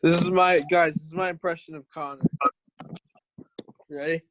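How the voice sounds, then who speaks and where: A man's voice: on the high side, fairly even intonation, moderate pace, slight background noise, poor audio. A young man joking around as a podcast co-host, laid-back and casual. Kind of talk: casual chat.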